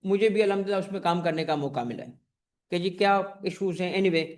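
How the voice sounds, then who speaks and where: In this tax exam-prep class, streamed online as well, a man with a high voice talks fast. He shoots questions at the students and supplies the answers himself, using affectionate names for them and going over the main points again and again.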